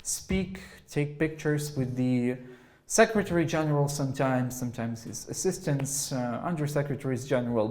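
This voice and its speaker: A man speaking on a panel in a measured, hesitant way with many fillers. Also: mid-range voice, a little mellow. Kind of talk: panel discussion talk.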